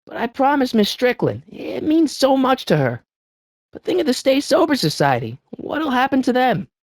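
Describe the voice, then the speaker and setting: An earnest, anxious American teenage boy, hero of a time-travel adventure game, pleads in a high, youthful, exaggerated voice that rises and falls with urgency. He's a hesitant, stammering, fast-talking persuader, eager and nervous, recorded dry and clean with no room sound.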